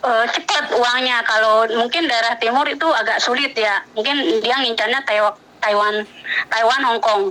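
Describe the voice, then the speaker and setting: A woman's voice: a little high, normal speed, bright, forceful tone, poor audio. A woman in her thirties answering interview questions, hesitant, with many fillers, often agreeing. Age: 30s. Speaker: guest.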